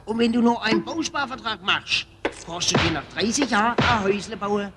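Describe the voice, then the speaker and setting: A man's voice: high-pitched, fairly quick, loud music behind the voice, natural voice. A man playing a helpful bank clerk with a Swabian accent in a cartoon. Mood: explaining. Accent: Swabian German. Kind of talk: animated film dialogue.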